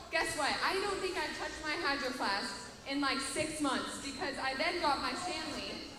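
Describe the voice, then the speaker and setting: A woman's voice: high-pitched, bright, forceful tone. A young woman on youth staff giving a chatty, upbeat talk to a room of middle schoolers, speaking straight to the kids. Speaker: youth pastor. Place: large hall with students. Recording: echoey hall, crowd of kids.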